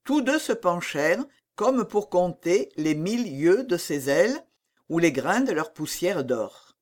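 Slow, expressive woman narrating a novel. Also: fairly low pitch. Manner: measured, expressive reading. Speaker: audiobook narrator. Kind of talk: scripted narration.

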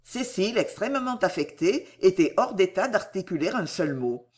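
A man narrating a novel aloud in an expressive, dramatic reading style. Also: sits high, normal speed. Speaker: audiobook narrator. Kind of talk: scripted audiobook narration.

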